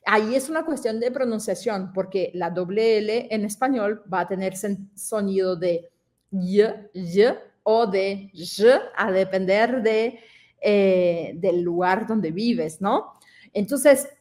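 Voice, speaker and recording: A woman's voice: a little high, darkish tone. A woman teaching an online lesson, explaining conversationally and asking listeners questions, speaking a language she learned as an adult. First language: not Spanish. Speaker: French pronunciation teacher.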